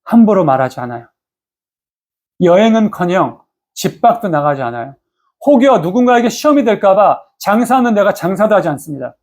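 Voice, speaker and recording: A man's voice: sits high, sing-song, brisk, darkish tone. A male pastor giving a Sunday sermon in a conversational, storytelling way, often turning to address the congregation. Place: church.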